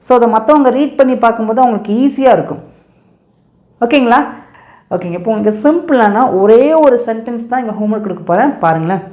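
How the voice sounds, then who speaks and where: A woman's voice: a little high, lively intonation, mellow. Woman teaching English, echoey room. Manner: repetitive, drilling with quick questions and answers. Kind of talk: casual teaching in Tamil and English.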